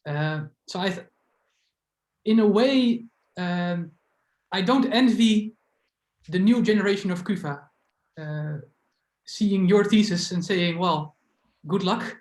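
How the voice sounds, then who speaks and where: A man's voice: high-pitched, takes it slowly, long pauses. Man on a call in an echoey room. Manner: friendly and hesitant, many uhs. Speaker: committee member. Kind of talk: congratulatory speech on a video call.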